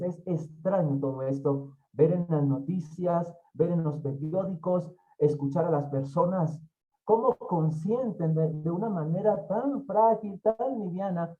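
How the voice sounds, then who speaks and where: A man's voice: a little high, warm tone, muffled recording. A man from Colombia, teaching an expository Bible study in an emphatic way and repeating his key phrases.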